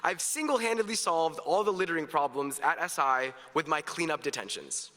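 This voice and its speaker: High-school guy giving graduation speech. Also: expressive, normal speed, bright, forceful tone. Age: teens. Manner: earnest, upbeat, with jokes. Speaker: graduation speaker. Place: large hall. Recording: echoey hall, long reverb.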